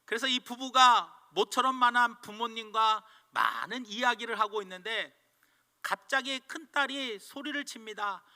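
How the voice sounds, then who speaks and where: A man's voice: extremely high pitch, expressive, moderate pace, sharp tone. A male pastor preaching a sermon in a church, telling a story and acting out its voices. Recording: long church hall reverb.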